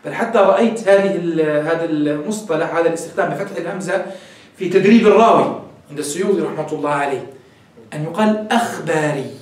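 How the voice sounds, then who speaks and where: A man's voice: fairly high pitch, fast, a little mellow. A male sheikh giving a classroom lecture on hadith terms, asking his students questions and answering them himself. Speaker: sheikh teaching hadith terminology. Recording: very echoey room, voice from far off.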